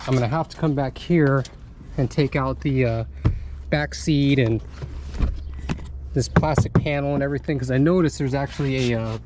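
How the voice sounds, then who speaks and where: While putting a radio into his pickup, a young man narrates a how-to vlog in a relaxed, chatty way with frequent pauses. His voice is mid-range, with slight background noise.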